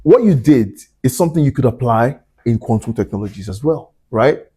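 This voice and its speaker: Guy hosting a science chat show, warm mellow tone, loose and rambly. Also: mid-range voice, expressive, fairly quick. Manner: chatty, lots of fillers and asides. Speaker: podcast host. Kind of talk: casual interview chat. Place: Glasgow.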